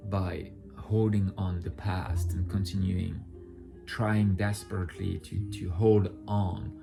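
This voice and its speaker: A vlogger with a low, gravelly voice delivers an unscripted personal monologue straight to his viewers. His talk is blunt and full of profanity, rising into impassioned outbursts as he shares his insights.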